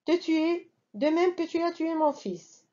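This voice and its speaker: Woman doing a big old vengeful genie guy, harsh and threatening, high and loud, kinda lo-fi audio. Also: lively intonation, measured pace. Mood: menacing. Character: huge ancient vengeful male genie.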